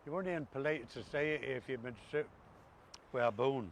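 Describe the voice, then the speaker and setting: A man's voice: mid-range voice, brisk. A man with an Ulster Scots accent from Northern Ireland, chatting casually and wryly about dialect. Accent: Ulster Scots, Northern Irish. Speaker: conversation partner on dialect. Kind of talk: casual chat. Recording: slight background noise.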